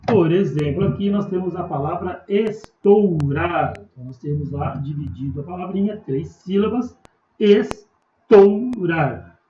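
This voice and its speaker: A man with a Brazilian Portuguese accent teaching a remote class, slowly spelling out examples and checking in often with his students. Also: fairly high pitch. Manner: patient, slow spelling-out with frequent "tá?" check-ins. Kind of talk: recorded remote class lesson. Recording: dull echoey room, far from mic, faint noise.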